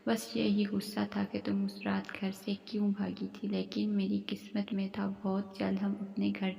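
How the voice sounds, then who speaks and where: A woman's voice: medium pitch, completely flat delivery, creaky, mellow. A woman voicing an angry, possessive young husband in a narrated story, with a stern, commanding manner. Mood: tender. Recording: long reverberant echo.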